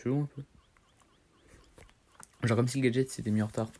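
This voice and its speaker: A man's voice: medium pitch, steady tone, a little fast, a little mellow. A teenage boy chatting casually over his gameplay, rambling in slang and correcting himself as he goes. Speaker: gaming streamer.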